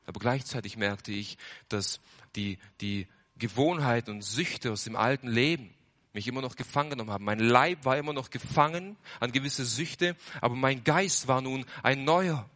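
At a normal speed, a young man preaches his testimony in an earnest sermon voice. His bright, forceful tone swells into loud surges and drops to hushed lows, and he repeats phrases for emphasis.

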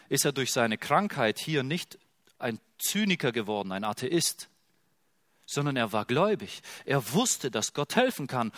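A man delivers a sermon with a slightly high voice. He drops to a near whisper on quoted pleas and rises loud for emphasis. The sound is dry and close. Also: dry recording. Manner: expressive, swings from hushed to loud when quoting. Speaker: preacher.

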